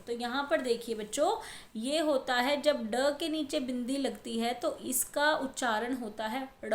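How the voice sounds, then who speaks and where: A woman's voice: fairly high pitch, echoey room. A woman teaching a primary school language lesson to children, patient and careful, going through words one at a time. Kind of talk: slow explained lesson for children.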